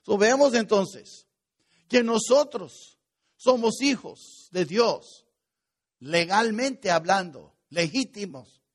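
A man preaching a sermon to a congregation, with sudden swings between loud urgency and quiet asides. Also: sits high. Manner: preaching with sudden rises and drops in loudness. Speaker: pastor.

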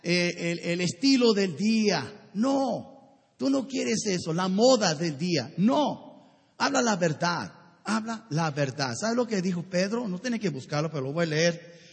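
A man preaching a sermon as pastor, talking to his congregation in a lively, joking, direct way. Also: high voice, unhurried, gravelly, husky. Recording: echoey hall.

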